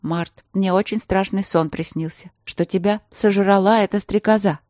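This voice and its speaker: A woman's voice: medium pitch, fairly even intonation, moderate pace, a little mellow, no echo, studio quality, voice pushed up, close to an everyday voice. A woman reading an audiobook, voicing an impulsive, jealous young princess who speaks emotionally and pleads fervently. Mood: upset, clingy.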